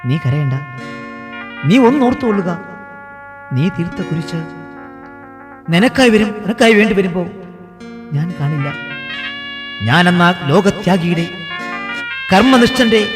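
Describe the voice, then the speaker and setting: A man's voice: sits high, lively intonation, a little slow, long pauses, voice pushed up. Fields: Figure: a man declaiming as the defiant voice of conscience. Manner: raised, impassioned. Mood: declamatory. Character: voice of the world's conscience, defiant, oratorical. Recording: reverberant, faint music behind.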